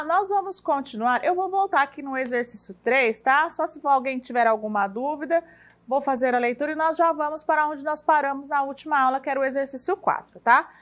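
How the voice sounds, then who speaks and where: A woman with a Brazilian Portuguese accent teaching young children, speaking slowly and patiently, drawing out words and checking in with a questioning "tá?" after each point. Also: sits high, fairly bright tone. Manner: ends phrases with a questioning "tá?". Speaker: primary school teacher. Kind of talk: recorded classroom lesson for children.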